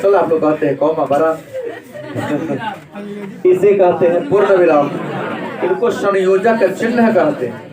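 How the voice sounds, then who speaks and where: A high-voiced male teacher lectures a class on grammar, throwing out questions and answering them himself. He is recorded from across an echoey room. The sound is roomy and distant. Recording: echoey room, mic far off.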